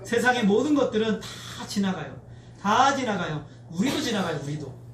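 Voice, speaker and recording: A man's voice: sits high, moderate pace. A male pastor preaching a sermon and leading his congregation in call-and-response, recorded in a church sanctuary. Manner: leads the congregation in call-and-response, lively and expressive. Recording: echoey church recorded from a distance, faint noise.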